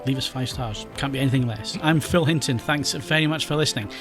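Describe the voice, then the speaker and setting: A man hosting a tech podcast, chatting casually and then wrapping up the show with quick plugs. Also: medium pitch, music in the background. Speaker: podcast host. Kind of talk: casual chat and show sign-off.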